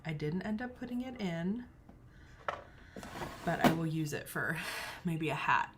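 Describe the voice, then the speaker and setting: A woman's voice: sits low, lively intonation, measured pace, heavy background noise. A young woman hosting a knitting livestream, telling a family story in a casual, giggly way with lots of filler words.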